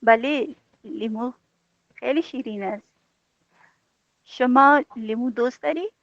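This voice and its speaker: Hesitant female student, soft and somewhat high, lo-fi. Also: dry recording. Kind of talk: classroom practice dialogue.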